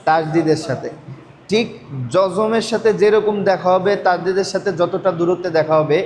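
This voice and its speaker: A man's voice: sits high, moderate pace, darkish tone, slight background noise. A man teaching a Quran reading class, asking his students questions and repeating their answers. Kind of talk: classroom lesson.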